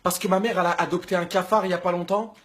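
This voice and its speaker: A man's voice: high-pitched, steady tone, very fast, pitched below the performer's own voice, natural voice. A man voicing an evasive young woman who hesitates and makes excuses to dodge a date. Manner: hesitant, soft, full of ums.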